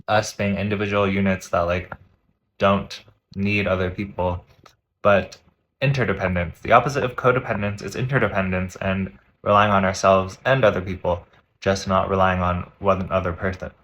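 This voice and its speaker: A man's voice: low-pitched, a bit bright, slight background noise, low-quality recording. A young man vlogging casually from home while lying down to stretch, talking in a rambling, upbeat way with a slight lisp from his retainers. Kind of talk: casual chatty vlog talk.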